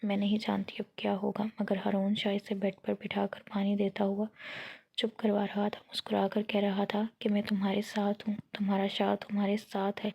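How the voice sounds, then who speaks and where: Breathy woman reading a romance story. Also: medium pitch, completely flat delivery, dark tone. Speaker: narrator. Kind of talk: scripted narration of a romance novel.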